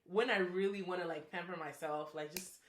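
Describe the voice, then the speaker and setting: A woman's voice: fairly low pitch, fairly even intonation, a little fast, roomy sound, background noise. A young woman from Nigeria with a Nigerian accent, chatting playfully as a podcast guest and laughing often. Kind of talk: casual chat.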